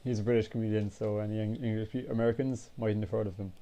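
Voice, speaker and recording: A man in his twenties, congested and sniffly, rambles casually through a vlog with his fairly low voice at a quick pace. He's relaxed and swears casually as he chats.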